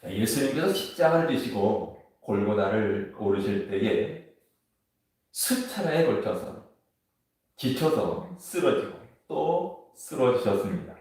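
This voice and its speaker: A man, a pastor, preaching a measured sermon with scripture readings. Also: on the low side, very animated, darkish tone. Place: church sanctuary. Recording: echoey church hall, voice from far off.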